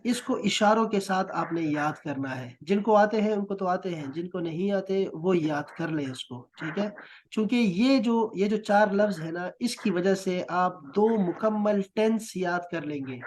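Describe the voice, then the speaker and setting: A man's voice: sits high, unhurried, a little mellow, a little hiss or hum. A man teaching Quranic Arabic words in a recorded lesson, patiently drilling and repeating them. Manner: patient, repetitive drilling with gestures.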